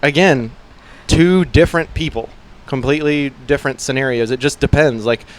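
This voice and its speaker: A man's voice: medium pitch, normal speed. A man hosting a casual fitness podcast, rambling with lots of "like" and "you know" and swearing now and then. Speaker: gym coach and podcast host.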